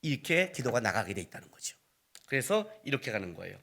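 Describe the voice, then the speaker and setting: A man's voice: mid-range voice, big pitch swings, fast talker, creaky, a bit bright. A male pastor preaching a sermon in a church, telling a personal story with acted-out dialogue and asking the congregation questions. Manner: conversational, asks the congregation questions. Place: church sanctuary.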